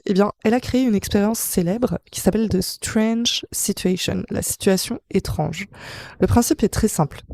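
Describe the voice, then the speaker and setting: Female podcast host, warm-toned and conversational, playful asides, dry close sound. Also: lowish voice, no room sound. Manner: chatty and explanatory, with playful asides. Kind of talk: casual psychology podcast monologue.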